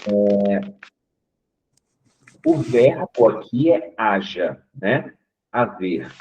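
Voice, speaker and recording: Over tinny, narrowband online call audio, a Brazilian Portuguese-accented English teacher patiently walks his students through a lesson step by step, frequently checking on them. He speaks extremely slowly in a fairly low, husky, darkish voice with big swings in pitch.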